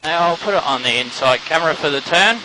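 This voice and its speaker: A man's voice: on the high side, animated, quick pace. A man gives informative sightseeing commentary as a helicopter pilot and tour guide, pointing out landmarks. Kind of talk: tour commentary over a headset. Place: inside a flying helicopter. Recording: loud helicopter engine noise over intercom.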